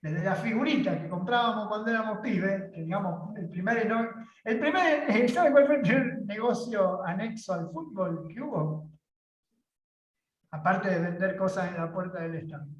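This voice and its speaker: A man with an Argentine Spanish accent explains things to his listeners in a high voice. He sounds distant from the mic in an echoey room, and the recording is dull. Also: normal speed. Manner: explanatory, addresses audience directly. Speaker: guest speaker. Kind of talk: lecturing conversationally.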